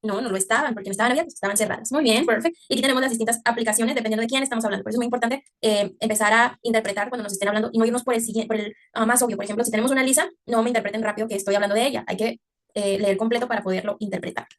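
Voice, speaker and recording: A woman teacher explaining English grammar in Spanish, often checking understanding with a quick "ok?" and slowing down to stress English words. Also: on the high side, steady tone. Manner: slows down to exaggerate English pronunciation. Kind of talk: online English class taught in Spanish.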